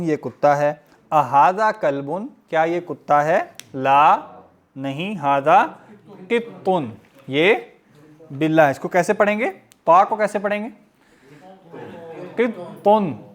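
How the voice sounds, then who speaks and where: A man teaching a recorded lesson, reading out words slowly and explaining each one. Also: fairly high pitch. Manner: slow and deliberate, reads Arabic words then explains them. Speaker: Arabic teacher.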